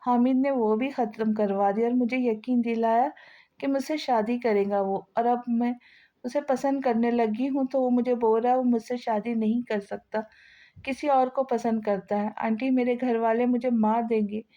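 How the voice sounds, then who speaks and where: A woman's voice: fairly high pitch, fairly even intonation, moderate pace, mellow, natural voice. A woman voicing a young woman on the phone, tearful and pleading for help. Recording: slightly dull lo-fi sound.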